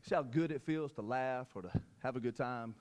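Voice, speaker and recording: A male preacher giving a sermon at a church service into a handheld mic. He is energetic, jokes with the congregation and repeats his phrases. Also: mid-range voice, a little fast, in a large hall. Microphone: handheld microphone.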